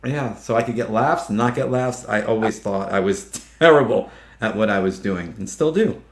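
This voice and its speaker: A man telling stories in casual chat, animated, acting out what others said and laughing often. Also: fairly low pitch, moderate pace, echoey room. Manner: animated, acts out quoted voices, laughs often. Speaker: actor guest.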